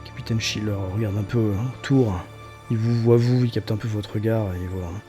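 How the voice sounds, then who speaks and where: Mellow male game master over faint music. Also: fairly low pitch, steady tone, brisk. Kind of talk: improvised tabletop game narration.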